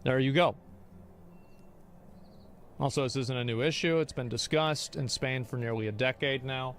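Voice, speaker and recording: A young man streams while reacting to chat, rambling and arguing his views in casual talk and restarting often. His voice is mid-range and moderately paced, with a little hiss or hum in the audio.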